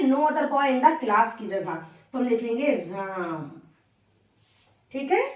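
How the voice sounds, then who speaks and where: A woman teaching an English grammar lesson step by step. She dictates the example sentences slowly, word by word, and keeps checking in with the class with a rising "okay". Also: sits high, roomy sound, recorded from a distance.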